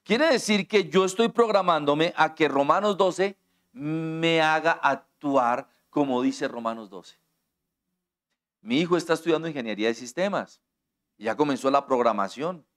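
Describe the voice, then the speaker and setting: Middle-aged Colombian pastor, a touch high in pitch, preaches directly to the congregation and leans on everyday examples. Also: male voice, unhurried. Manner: direct, conversational preaching that addresses listeners personally; explains with everyday examples and acts out quoted dialogue. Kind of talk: sermon.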